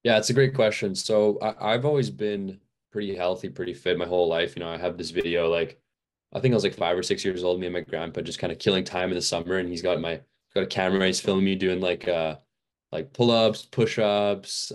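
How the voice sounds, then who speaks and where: Deep-voiced young man rambling casually. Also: steady tone, fairly quick. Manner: rambling, many fillers and restarts. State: a little fatigued. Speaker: podcast guest. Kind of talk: casual interview chat.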